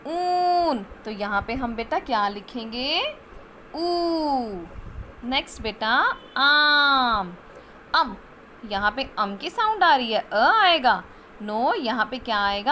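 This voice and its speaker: Slow, bright-voiced kindergarten teacher. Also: female voice, fairly high pitch, a little hiss or hum. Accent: Indian. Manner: slow, drawn-out sounding of vowels; coaxing, calls the child "beta". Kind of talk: online lesson for young children.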